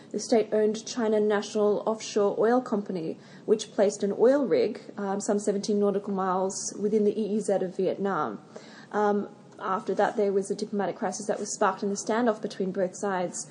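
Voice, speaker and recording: Female podcast host with a mellow voice, formal, measured delivery of prepared questions. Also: mid-range voice, steady tone, slight background noise. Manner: measured and formal, with occasional ums.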